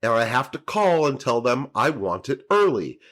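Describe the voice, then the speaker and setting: A man co-hosting a podcast in casual chat, lively, swearing and often restarting his sentences. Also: medium pitch, normal speed. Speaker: podcast co-host.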